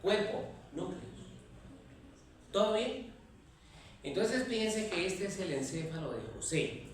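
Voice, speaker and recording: A man's voice: high voice, slow pace, far from the mic, a little hiss or hum. Colombian man lecturing in an echoey classroom. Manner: animated, quizzing students, telling anecdotes. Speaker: anatomy lecturer. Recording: echoey classroom recorded from afar.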